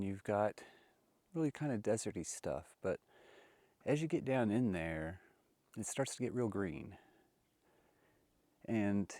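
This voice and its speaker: Filming his hike through a desert canyon on a handheld camera, a man narrates a casual vlog in a warm, lowish voice with no echo. He's a bit winded from climbing, and his talk is chatty, wandering, and folksy.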